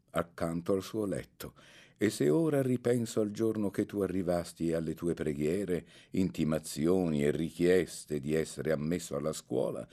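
A man's voice: sits low, dark tone, heavily acted. A man reading the part of a school director in his forties who speaks in a manly, composed tone.

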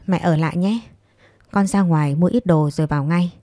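A woman's voice: fairly low pitch, a little fast, mellow, no room sound, clean studio sound, natural voice. Woman reading as a resolute young mother. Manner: firm, earnest.

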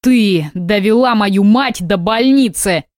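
A bitter, idle husband, read by a woman in an audiobook. He snaps in a sullen way, at a middling pitch. The recording is dry and close. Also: lively intonation, moderate pace, dry recording, lightly acted. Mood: resentful. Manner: sullen, snapping.

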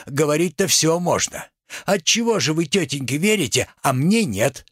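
A man's voice: fairly high pitch, very animated, normal speed, breathy edge, dry recording, clean studio sound. A man reading a play aloud, voicing a shrewd, stubborn merchant who talks with sly, homespun deference.

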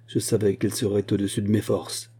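A man's voice: fairly low pitch, flat delivery, a little fast, warm tone, breathy edge. A man reading aloud and voicing a cold, shaken, wealthy banker who speaks in a strained, curt way. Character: cold, shaken rich middle-aged banker.

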